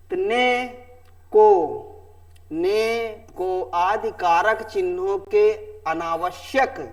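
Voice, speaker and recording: Slow, high-voiced male Hindi teacher. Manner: repeats key phrases slowly, addresses students as children. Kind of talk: classroom grammar lesson.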